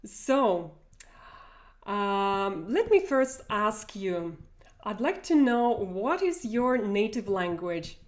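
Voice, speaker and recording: Teaching a language live online from home, this woman in her forties talks in a medium-pitched, sing-song voice at a very slow pace, with a Russian accent. Bookshelves fill the room behind her, and her wired earphone mic catches a warm, chatty style full of laughter and fillers.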